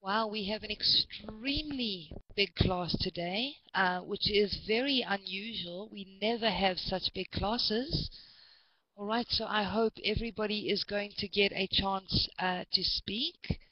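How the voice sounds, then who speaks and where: A woman's voice: medium pitch, unhurried, lo-fi sound. A woman from South Africa teaching English to a large online class, patient and encouraging, often repeating students' names.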